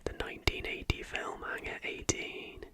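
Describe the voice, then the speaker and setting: This ASMR clip features a host whispering conspiracy history from a script, breathy and fully unvoiced throughout. The tone stays hushed and measured, broken now and then by short asides.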